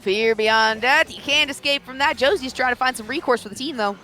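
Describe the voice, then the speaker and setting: A woman casting a live esports match, excitable and playful, stretching words for emphasis. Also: high voice, fairly quick. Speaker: esports caster.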